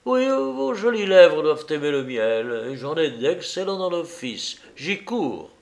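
Man voicing a gallant, teasing gentleman thief in a slow audiobook read. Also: on the high side, big pitch swings, creaky, heavily acted. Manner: gallant, playful. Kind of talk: audiobook reading.

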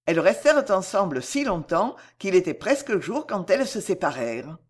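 A woman narrating a classic novel aloud in a composed, even manner. Her reading is steady and literary, as in an audiobook. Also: lowish voice, normal speed, breathy edge.

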